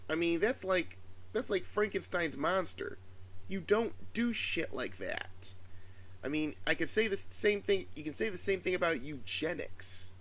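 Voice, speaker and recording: A man with a slightly subdued, sore-throated voice gives a casual, rambling opinion commentary, halting, exasperated and swearing freely. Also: high voice, animated, a bit bright, poor audio. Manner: profane, exasperated, halting with emphatic stresses. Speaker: solo video commentator.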